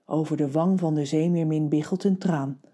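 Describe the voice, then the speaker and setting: Woman narrator for a kids' storybook, steady and expressive, low and mellow. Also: normal speed. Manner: steady, expressive reading aloud.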